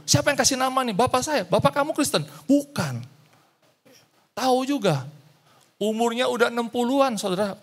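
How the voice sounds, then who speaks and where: A male pastor telling a story in a sermon, acting out the dialogue and slipping into English phrases. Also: high-pitched.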